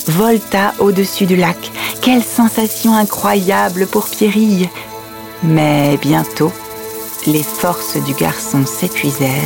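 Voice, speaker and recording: A tender, patient mother , acted by a woman, tells a bedtime fairy tale in an audio story. Her voice is slightly low and very unhurried, over soft music. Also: vocal fry.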